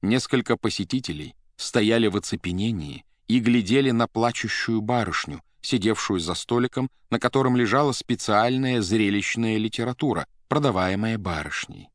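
A man with a lowish voice narrates a novel in a measured, steady manner. The recording is close and dry, with no room sound around him. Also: no echo. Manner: measured, even storytelling delivery. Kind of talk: literary audiobook narration.

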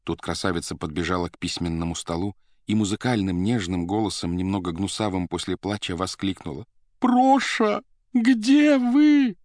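Low-voiced man narrating a novel. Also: no echo. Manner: measured, even storytelling delivery. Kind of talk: literary audiobook narration.

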